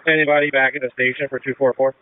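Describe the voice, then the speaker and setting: A man's voice: mid-range voice, little pitch movement, rapid-fire, slight background noise. A man directing crews as a fireground officer in terse, procedural firefighter radio talk over a two-way radio. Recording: muffled narrow-band two-way radio.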